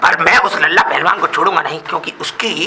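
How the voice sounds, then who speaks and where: A man's voice: a little high, quick pace, gravelly, a crowd in the background. A man playing a cocky, boastful, scrawny young village man in a comedy sketch. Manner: cocky, brash bragging.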